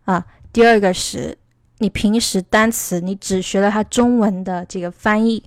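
A woman's voice: mid-range voice, no echo, studio quality. A woman from China teaching English in a casual online lesson, rambling and explaining at length.

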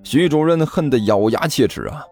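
A man narrating a comic audio drama in a lively storytelling manner. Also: medium pitch, normal speed, faint music behind.

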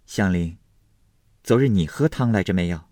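A man doing a calm, reasoning young lady. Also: deep voice, moderate pace, dry recording, studio quality.

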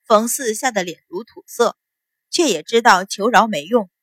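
A woman narrating a dramatic novel in a steady, vivid storytelling manner. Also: medium pitch, normal speed, breathy edge, no echo. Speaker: audiobook narrator.

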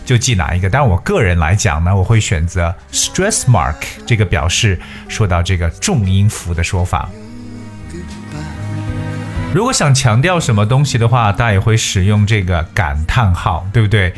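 Male host teaching English to Chinese listeners, deepish voice, spells words out letter by letter, faint music underneath.

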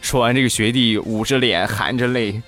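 A man hosting a comedy podcast, telling funny stories in an animated way and acting out each character. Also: mid-range voice, normal speed, soft background music. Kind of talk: comic storytelling.

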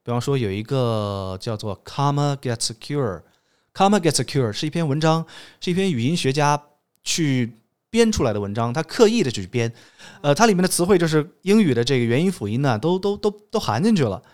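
A man with a voice of ordinary pitch, talking as a guest on an interview podcast. He teaches English pronunciation and walks through his course step by step. His delivery is patient and methodical, like a teacher. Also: expressive, fairly quick, darkish tone. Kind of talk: interview, explaining at length.

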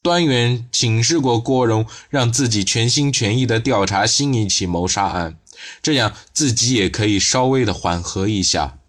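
A man narrating a crime novel as an audiobook in a steady storytelling way. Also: mid-range voice, normal speed. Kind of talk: scripted narration.

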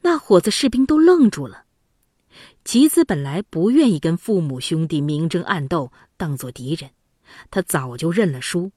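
A woman narrating a classic children's story in an expressive, dramatic way. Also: fairly low pitch, moderate pace, husky, dry recording, clean studio sound.

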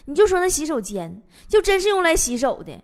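Lively Northeastern Chinese woman comic. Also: high voice, brisk, heavy background noise. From Northeast China. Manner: animated, chatty, laughs at own jokes. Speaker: comedy show host. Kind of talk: scripted comedic storytelling.

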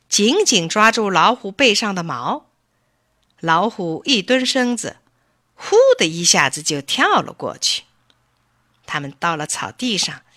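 A woman reading a children's story aloud in clear, expressive storybook narration. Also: fairly low pitch, no room sound, studio quality.

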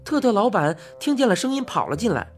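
A woman narrating a children's storybook in an expressive reading style. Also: medium pitch, fast talker, faint music behind.

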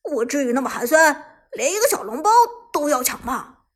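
A woman doing a brash, loud young man. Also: high-pitched, big pitch swings, normal speed. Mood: indignant. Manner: loud, indignant, whiny. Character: brash cheeky young man, quick-tempered.

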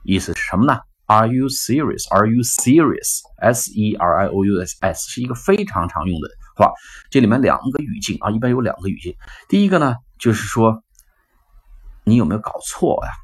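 A low-voiced man with a Cantonese-influenced Mandarin accent gives a casual spoken-English lesson. His voice is husky, with a rough, slightly breathy edge. He talks in an animated way and acts out the phrases he explains. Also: a little fast. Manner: animated, acts out quoted lines. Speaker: English teacher.

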